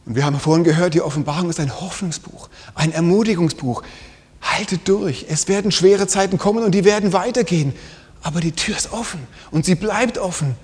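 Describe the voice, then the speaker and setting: A man preaching a sermon with a fairly high voice. He often drops to a soft whisper to stress a point, then rises again. His voice rings with a long church reverb. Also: a little fast. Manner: dynamic, drops to whispers for emphasis.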